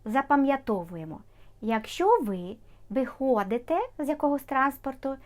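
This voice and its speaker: A woman's voice: sits high, expressive, moderate pace. A woman teaching a language lesson, explaining patiently and repeating words for practice.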